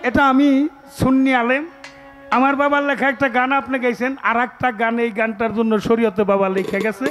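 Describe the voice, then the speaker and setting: A man's voice: very high-pitched, flat delivery, brisk, music in the background. A man leading a folk song debate, preaching in a rhythmic sermon-like way and breaking into song. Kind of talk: Bengali pala gaan debate, preaching and singing.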